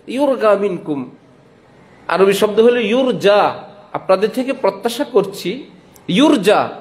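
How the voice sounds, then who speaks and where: A high-pitched man with a Bangladeshi Bengali accent preaches a religious lecture as a madrasa principal. He asks questions and then answers them himself, slowly spelling out individual letters and sounds.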